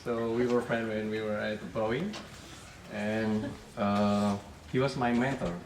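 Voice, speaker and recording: A man from Indonesia with an Indonesian accent, giving a halting wedding toast full of fillers. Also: fairly low pitch, little pitch movement. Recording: echoey room, mic at a distance, background noise.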